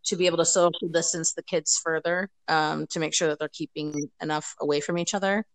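A woman's voice: deep voice, steady tone, a little fast, poor audio. A woman from the United States chatting casually as a podcast guest over a video call, rambling with many fillers. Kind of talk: casual chat.

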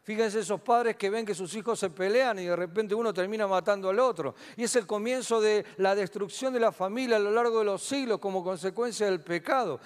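A man's voice: high voice, brisk, few pauses. A man preaching a sermon with a Rioplatense Spanish accent, asking his congregation questions and answering them himself. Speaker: pastor. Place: church hall. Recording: long hall reverb.

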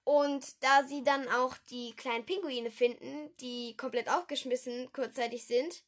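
A woman's voice: high-pitched, fairly even intonation, measured pace. A teenage girl from Düsseldorf hosting a casual solo film-review podcast, rambling and correcting herself with giggly asides. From Düsseldorf, Germany. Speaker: podcast host.

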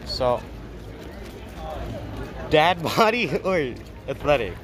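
A man's voice: on the high side, sing-song, drawn-out words. A young man talking like a frat bro, slangy and profane, casually interviewing people on the street. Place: outdoors on a busy urban street. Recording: noisy outdoor street with busy crowd.

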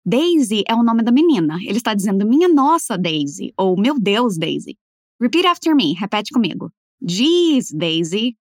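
Uma mulher dando aula de inglês em português, falando devagar e articulando as frases com cuidado para o aluno repetir. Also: female voice, mid-range voice, big pitch swings, dry recording, clean studio sound. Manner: slow, careful over-articulated model phrases. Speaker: English teacher. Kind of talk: language lesson, repeat-after-me drills.

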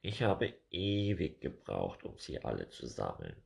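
A man voicing a gruff, proud woodpecker in a children's storybook, in a deep voice. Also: wildly swooping pitch, measured pace, darkish tone, full character voice.

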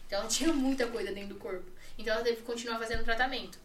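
Brazilian girl, 18, talking super fast w lots of fillers, faint hum behind. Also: a little high, fairly even intonation, reverberant, far from the mic. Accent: Brazilian Portuguese. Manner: rapid, run-on telling with many fillers and repeats. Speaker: podcast guest. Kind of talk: personal storytelling in an interview.

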